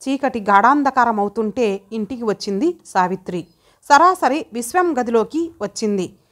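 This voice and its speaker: A woman reading an audio story aloud as its narrator, in a measured, dramatic way. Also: fairly high pitch, lively intonation. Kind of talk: scripted narration.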